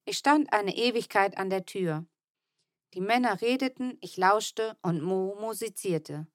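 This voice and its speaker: A woman reading a children's audiobook aloud in the first person, with lively, expressive storytelling. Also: mid-range voice, a little slow, no room sound, clean studio sound. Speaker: audiobook narrator.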